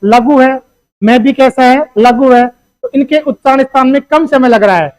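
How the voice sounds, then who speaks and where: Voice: high-pitched, normal speed, a little mellow, low-quality recording. A teacher giving an exam-prep grammar lesson. The teacher keeps asking questions, answers them, and calls the listeners "beta.".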